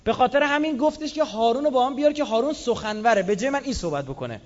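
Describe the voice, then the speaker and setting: A man delivering a lively religious sermon, switching between recited scripture and casual, joking asides. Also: very high-pitched. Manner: animated, with Quranic quotes and colloquial asides. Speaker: religious speaker. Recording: slightly dull lo-fi sound.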